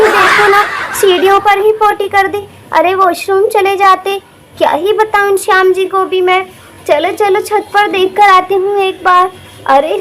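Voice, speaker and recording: A woman's voice: very high-pitched, fairly bright tone, slight background noise. A woman voicing a brave, fussing young housewife who talks herself through every step in running commentary, in a homemade doll drama. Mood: worried.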